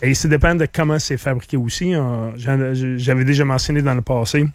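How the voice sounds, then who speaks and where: On the radio, a middle-aged beer columnist talks casually and goes into detail; English is his first language, he comes from an English-speaking background, and his accent is slightly English. He speaks briskly in a steady, mid-range voice, recorded dry.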